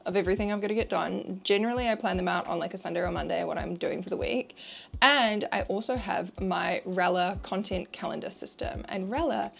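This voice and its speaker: A young woman talks straight to camera in a relaxed vlog, candid and a little self-mocking. Her mid-pitched voice has a gravelly fry at the ends of phrases, and she sounds close to a clip-on mic. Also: fairly quick, slight background noise. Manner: chatty, candid, self-deprecating. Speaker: social media manager vlogger. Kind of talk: casual vlog talk to camera. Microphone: wireless clip-on mic.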